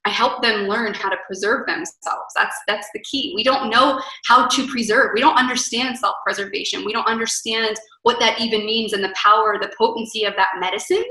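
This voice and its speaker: Young woman wellness coach, earnest and emphatic, bright voice, roomy echoey sound. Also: a little high, steady tone, a little fast, hardly any pauses. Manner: earnest, emphatic, speaks in lists. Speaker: wellness coach, podcast guest. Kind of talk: casual interview conversation.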